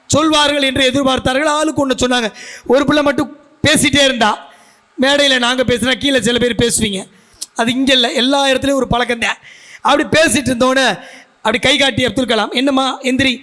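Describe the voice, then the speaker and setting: At a school function, a man gives a guest speech as a seasoned debate speaker, telling stories and posing questions to the audience. His voice is extremely high, pushed, and bright.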